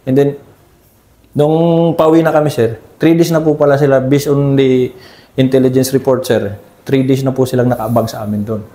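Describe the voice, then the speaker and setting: A mellow-voiced man recounts combat memories in a respectful, unhurried way. He tacks "sir" onto almost every phrase. The sound carries a roomy echo. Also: mid-range voice, fairly even intonation. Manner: deferential, ends nearly every phrase with "sir". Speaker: army scout ranger team leader. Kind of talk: conversational war story interview.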